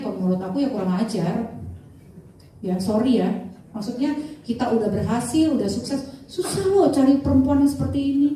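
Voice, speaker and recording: A middle-aged woman, giving an animated sales training talk and acting out the people she quotes. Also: high-pitched, slight background noise. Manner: animated, switches voices to act out quoted people. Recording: very echoey room, voice from far off the mic.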